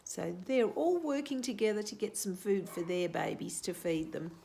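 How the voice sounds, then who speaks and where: A woman with a mid-range, dark-toned voice and some vocal fry speaks at a moderate pace with lively intonation. She's hosting a children's storytime, reading a picture book aloud and pausing to explain it simply and ask the young listeners questions.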